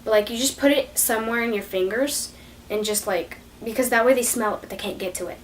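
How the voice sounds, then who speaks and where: Brisk and fairly high-pitched, a young woman chats off the cuff to camera about dog training, wandering off topic, saying sorry, and laughing at herself in a self-deprecating way. A distant mic catches her along with faint noise.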